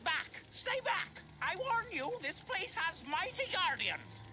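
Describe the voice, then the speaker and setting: A very high, sharp-voiced, half-mad castaway from a video game. He blusters in panic, his pitch leaping about. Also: sing-song, slow, heavily acted. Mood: panicked, threatening. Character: frightened, half-mad stranded old male treasure seeker. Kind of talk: video game character acting.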